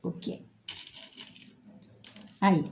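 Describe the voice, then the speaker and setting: Woman, middle-aged, stuffy cold, slow-paced, chatty and self-mocking, phone recording. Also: darkish tone, slight background noise. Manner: chatty, self-mocking, addresses viewer informally. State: nasal with a cold. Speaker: sewing tutorial host. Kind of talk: casual sewing tutorial. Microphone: phone camera.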